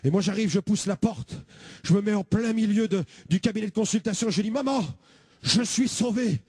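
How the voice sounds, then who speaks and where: A young man giving a lively testimony as a preacher, acting out the voices in his story. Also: high-pitched, a little fast, breathy edge, no room sound, clean studio sound. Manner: acts out every voice in his story, shouting and pleading. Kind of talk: animated testimony.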